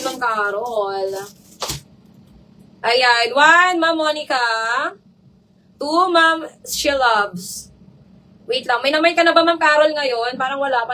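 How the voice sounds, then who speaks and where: Hoarse high-voiced woman live selling. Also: pushed and bright, far from the mic. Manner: rapid, repetitive calling out of buyers' names. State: hoarse, losing her voice. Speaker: online live seller. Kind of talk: live selling stream chat.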